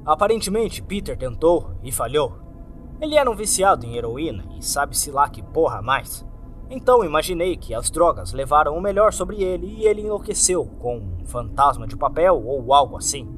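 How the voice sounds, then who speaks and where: A man with a Brazilian accent narrates a scripted first-person horror story dramatically, with music playing under his voice. His voice is on the high side and a bit bright.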